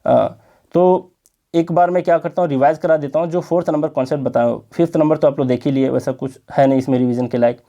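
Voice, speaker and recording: A man teaching an exam-prep English grammar lesson in Hindi, explaining slowly and checking in with his students. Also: a little high, steady tone, warm tone, highs cut off.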